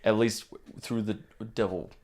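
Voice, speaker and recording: A man co-hosting a comedy podcast, playing the deadpan sidekick who eggs his partner on with flat agreement. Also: lowish voice, a little slow. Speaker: podcast co-host. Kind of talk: improvised comedic podcast banter.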